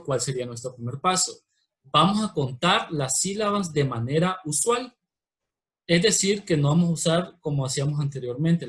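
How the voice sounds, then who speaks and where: A man from Honduras with a Honduran Spanish accent, teaching a recorded virtual class, patient and explanatory, slowing down to spell out examples. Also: fairly high pitch, fairly bright tone.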